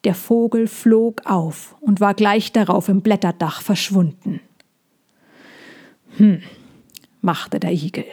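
A woman reads a children's story aloud at an unhurried, measured pace. Her voice sits at a middle pitch and stays calm and even between the character lines. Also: breathy edge. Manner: slow, measured reading. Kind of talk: scripted narration of a children's story.

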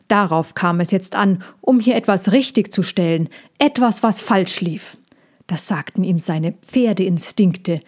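A woman narrating a children's storybook in a calm, measured reading voice. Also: fairly low pitch.

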